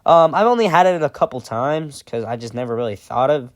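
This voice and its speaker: A man's voice: mid-range voice, animated, brisk. Rambling, chatty young man. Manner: rambling and chatty, often laughing, many fillers. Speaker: vlog host. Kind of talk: casual storytime chat.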